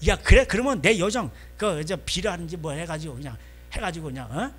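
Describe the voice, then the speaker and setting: A man acting out the biblical Jacob as a furious, exasperated husband shouting at his wife. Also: a little high, animated, fairly quick, a little hiss or hum.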